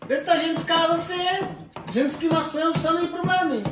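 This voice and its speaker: A man's voice: very high voice, steady tone. Echoey distant male voice, pompous bragging prince, played by a man, puppet fairy tale, colloquial. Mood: bragging, scornful. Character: boastful, cowardly, pompous prince who scorns women. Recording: echoey, distant mic, faint noise.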